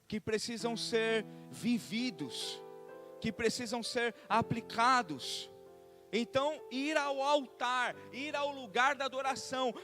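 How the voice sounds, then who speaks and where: A man with a Brazilian Portuguese accent preaches from the pulpit in a notably high voice. He moves between quiet, confiding asides and loud, impassioned exhortation, pressing his listeners with questions. Faint instrumental music plays behind him. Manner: swings from soft asides to shouted exhortation; asks the congregation rhetorical questions. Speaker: bishop and pastor. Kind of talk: preaching a sermon. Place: church sanctuary.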